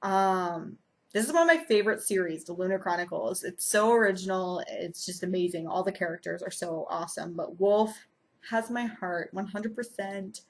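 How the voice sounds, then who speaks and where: A woman's voice: fairly low pitch, moderate pace. A young woman vlogging casually about her favorite books, gushing and enthusiastic, with frequent ums and likes. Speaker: book vlogger. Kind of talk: casual book chat to camera.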